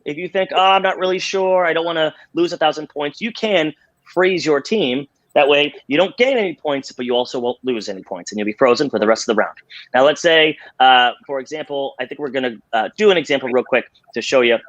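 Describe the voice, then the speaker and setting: A man's voice: a little high, fairly quick, a bit bright, dry recording, lo-fi sound. A man hosting a live trivia game in an upbeat, showy cruise-director style of announcing. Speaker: game show host.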